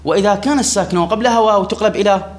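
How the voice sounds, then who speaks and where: A man's voice: high voice, rapid-fire. A man teaching a grammar lesson to a class, repeating key words and putting questions to his students. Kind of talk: classroom lesson explaining a text.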